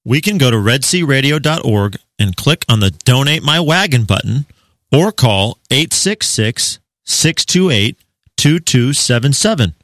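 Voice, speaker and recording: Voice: mid-range voice, expressive, a little slow, fairly bright tone, no echo. Joshua, an earnest and patient biblical leader, explains plans in a radio comedy sketch. His speech moves up and down with plenty of life, recorded close and dry.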